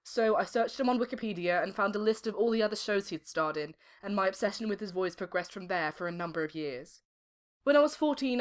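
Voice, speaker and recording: A British woman in her late teens, working as a voice actor, answers interview questions articulately in formal, wordy phrasing. Her voice is mid-range with a fairly bright tone.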